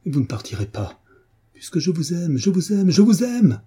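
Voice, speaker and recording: A man's voice: mid-range voice, moderate pace, warm tone, husky, voice pushed up, close to an everyday voice. A man voicing a tormented young priest who speaks with impassioned, desperate intensity. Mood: passionate. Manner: impassioned, rising to outbursts.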